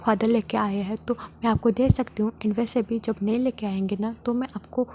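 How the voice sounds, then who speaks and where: A woman voicing a small cheeky girl who pleads and whines in a high, sing-song childlike voice. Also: steady tone, moderate pace, dark tone, a little hiss or hum, lightly acted. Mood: pleading.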